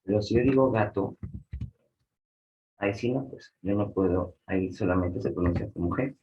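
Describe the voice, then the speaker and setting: A man with a Peruvian Spanish accent teaching a language class, checking in with students often and filling pauses with "este". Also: lowish voice, muffled recording, slight background noise. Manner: explains with frequent checks like "¿no?" and fillers "este". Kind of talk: online class lecture.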